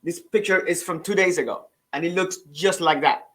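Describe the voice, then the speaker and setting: His voice sits high with a fairly bright tone: a middle-aged man from Cuba, an author telling his story casually on the channel he hosts. The delivery is conversational yet halting, marked by many restarts and frequent "right?" tags.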